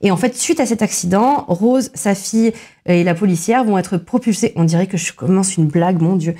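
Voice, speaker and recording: A woman in a film podcast, analysing a horror movie in casual chat, with frequent filler pauses and restarts. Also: medium pitch, mellow. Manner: many filler pauses, restarts, self-deprecating asides.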